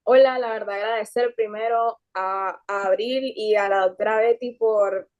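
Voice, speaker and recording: A woman's voice: mid-range voice, steady tone, normal speed, darkish tone, lo-fi sound. A woman with a Nicaraguan accent asking a guest questions, polite and hesitant, with many fillers and restarts. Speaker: audience participant asking questions. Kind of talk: casual interview questions.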